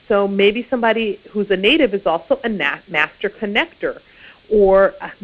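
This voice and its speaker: Tinny-sounding woman giving career advice. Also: on the high side. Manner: conversational, often says "you know", restarts phrases. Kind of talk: informal instructional talk.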